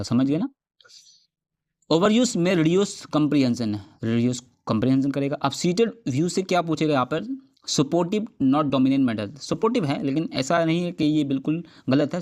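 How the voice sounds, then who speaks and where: A man gives an exam-prep lesson, talking through slides in an even, middle-pitched voice. He explains in Hindi mixed with English terms and circles back over each point. He keeps checking that students follow, and slows down to read English phrases off the slides. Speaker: teacher.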